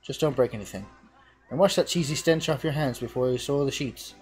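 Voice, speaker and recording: A man's voice: mid-range voice, a little fast, darkish tone, faint music behind, lightly acted. A man voicing a fretful innkeeper in a video game, reading the lines in an indignant, apologetic way. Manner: indignant, apologetic tavern talk. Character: fretful innkeeper bemoaning cursed cheese. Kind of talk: reading game dialogue aloud.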